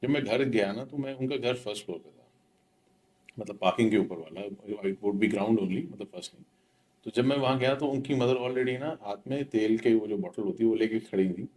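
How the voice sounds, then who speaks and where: A man's voice: mid-range voice, fairly quick, a little mellow. A middle-aged man, earnestly telling a devotional story and mixing in English words. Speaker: devotee sharing his experience. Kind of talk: spoken devotional testimony.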